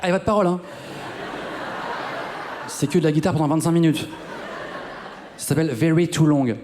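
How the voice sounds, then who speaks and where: A man's voice: fairly high pitch, fairly quick, noisy background. A man in his thirties doing live stand-up comedy on a theater stage, chatting with the audience and mocking himself. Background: guitar music.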